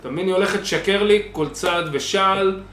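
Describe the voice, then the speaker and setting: Brief: loud, animated male podcast co-host, high lively voice, roomy faintly noisy room. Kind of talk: casual podcast banter.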